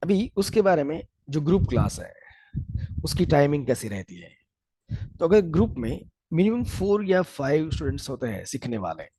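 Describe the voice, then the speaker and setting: A man teaching English, explaining pronunciation and the course, and speaking slowly and deliberately when he switches to English. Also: fairly high pitch, big pitch swings, dark tone, slight background noise, poor audio.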